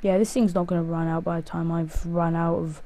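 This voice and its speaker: A man's voice: fairly high pitch, level tone, fairly quick, dark tone. A male gaming host giving casual, rambling gameplay commentary, counting aloud and joking at himself as he plays. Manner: rambling, self-mocking, counts aloud while playing.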